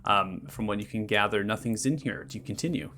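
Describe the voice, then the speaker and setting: A man's voice: fairly low pitch, a little fast, pushed and bright. A man narrating a tabletop fantasy game as game master, with a dramatic, descriptive delivery.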